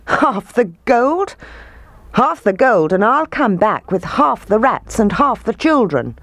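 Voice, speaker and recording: A woman's voice: deep voice, sing-song, unhurried, no room sound, exaggerated voice. A woman voicing a confident, merry male piper in a children's story, firm and teasing. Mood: merry, mocking.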